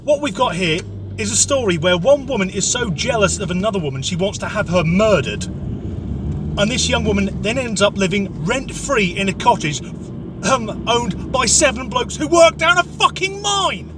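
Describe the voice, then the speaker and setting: A comic commentator from the Norwich area of England, speaking with an English accent, delivers an opinionated rant that is blunt, sweary and sardonic. His voice sits high and is very animated, moving at a moderate pace over a noisy background.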